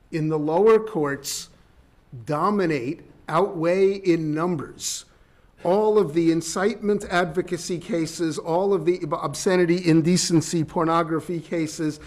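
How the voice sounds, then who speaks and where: Measured, deliberate male law lecturer. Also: a little high. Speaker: law professor. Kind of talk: academic lecture. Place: lecture hall.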